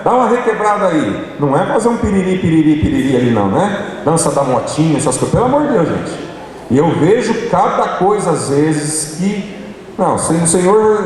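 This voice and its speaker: A Brazilian man speaking with a high, animated voice, his pitch swinging freely. He talks playfully and turns straight to the audience. His voice rings through a big echoey hall, heard from a distance with faint noise behind it. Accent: Brazilian Portuguese. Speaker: workshop speaker. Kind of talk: church workshop talk. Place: large hall. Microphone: handheld microphone.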